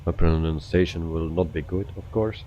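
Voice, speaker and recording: Man, very deep voice, mellow tone, casual stream host, relaxed chat, hesitant fillers. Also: moderate pace, a little hiss or hum, low-quality recording. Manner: relaxed, chatty, frequent hesitations. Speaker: flight sim livestreamer.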